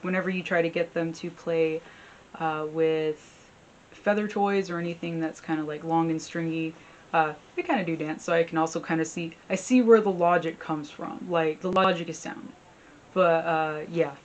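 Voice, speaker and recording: A woman hosting a casual storytelling vlog about folklore, her voice sitting on the low side. She rambles and fills her talk with "uh" and "like," while a faint background hiss runs under it. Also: dull audio. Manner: rambling, filler-heavy, chatty. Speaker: folklore video host.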